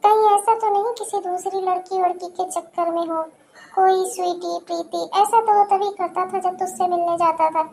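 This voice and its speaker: A scornful middle-aged mother-in-law in a cartoon, put on by a woman who scolds and mocks. The voice sits very high. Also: steady tone, moderate pace, a little mellow, slight background noise. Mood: mocking. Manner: taunting, scolding.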